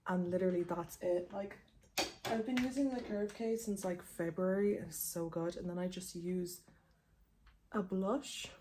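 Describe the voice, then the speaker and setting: A beauty vlogger in her twenties chats casually through a makeup tutorial in a fairly low, steady voice at normal speed, with noise in the background. She rambles informally, saying "like" often, while a tongue piercing clicks faintly against her teeth.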